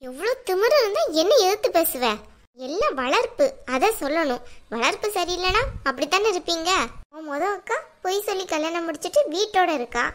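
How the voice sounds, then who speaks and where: A woman voicing a scheming middle-aged mother-in-law in a cartoon, sharp-tongued and prone to dramatic wailing. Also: very high voice, expressive, a little fast. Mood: scolding. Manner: scolding, then wailing dramatically. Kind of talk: cartoon dubbing.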